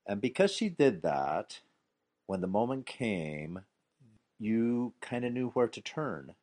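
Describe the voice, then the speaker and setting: Deep-voiced male host, measured and reflective. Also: sing-song, a little mellow. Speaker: podcast host. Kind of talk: interview conversation.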